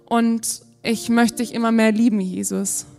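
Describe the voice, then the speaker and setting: A woman's voice: on the high side, little pitch movement, measured pace, vocal fry, a little mellow. A woman in her thirties giving an earnest, encouraging sermon in a church, often praying aloud. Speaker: preacher. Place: church hall with worship music. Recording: long hall reverb, faint music behind.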